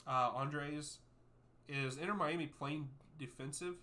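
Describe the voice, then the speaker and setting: Male streamer in his thirties, bright and punchy tone, casual back-and-forth with live chat. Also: on the high side, takes it slowly. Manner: easygoing, reads out chat names and answers at length. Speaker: streamer hosting a soccer watchalong. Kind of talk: live-stream chat, answering viewer questions.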